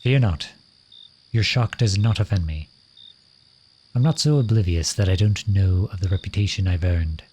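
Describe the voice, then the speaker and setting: A man plays a lovesick royal at a masquerade, speaking intimately to one listener in formal, courtly phrasing, like a romantic audio roleplay. His fairly low, darkish voice moves at normal speed with frequent pauses, lightly acted, composed and candid. Crickets and night ambience are clearly audible, along with a little hiss or hum.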